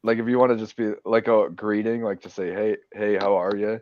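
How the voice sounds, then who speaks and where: Low-voiced man, dry lo-fi stream audio. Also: steady tone, fairly quick, a little hiss or hum. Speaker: livestreamer. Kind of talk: casual chat.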